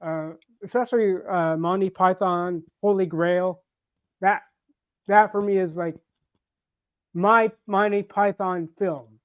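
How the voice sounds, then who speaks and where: A man's voice: high voice, steady tone, slow pace, dry recording. An American man co-hosting a casual livestream chat, thoughtful and rambling, with restarts. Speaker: livestream co-host. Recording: dull, lo-fi stream audio.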